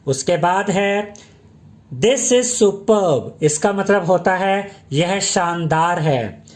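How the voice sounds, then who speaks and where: Male English tutor with an Indian accent and a high voice, measured classroom explaining. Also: expressive. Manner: reads each English phrase slowly, then explains it in Hindi. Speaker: English teacher. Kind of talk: Hindi-language English phrase lesson.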